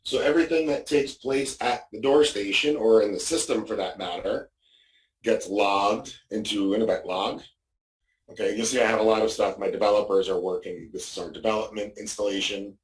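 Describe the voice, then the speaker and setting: Speaking at normal speed in a voice on the low side, a man demos a product as an informal walkthrough, explaining as he goes and frequently saying "okay". It's recorded with a distant microphone and a roomy echo.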